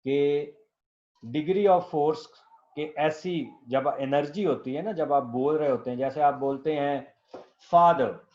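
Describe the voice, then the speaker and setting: A middle-aged male professor giving a classroom lecture, slow and patient, checking often that students follow and dictating definitions word by word. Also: fairly high pitch, dark tone. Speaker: professor teaching linguistics. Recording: dull lo-fi classroom recording.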